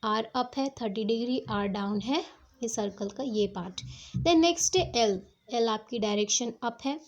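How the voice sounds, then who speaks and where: In dull-sounding audio, a woman with a slightly high voice explains shorthand strokes to her class at an unhurried pace, step by step. She stays patient and repeats "ठीक है" to check that everyone follows.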